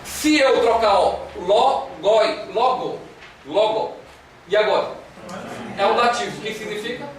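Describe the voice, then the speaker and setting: A man with a Brazilian Portuguese accent teaches a Greek class, drilling students on repeated syllables and coaxing them with questions. His high voice is expressive and unhurried. The lecture was recorded in an echoey classroom on a distant mic with faint hiss.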